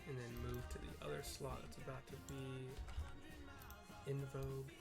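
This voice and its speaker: Over loud music, a gameplay streamer gives casual, hesitant commentary, thinking aloud and narrating what happens on screen. His medium-pitched voice is flat, with vocal fry, at a normal speed.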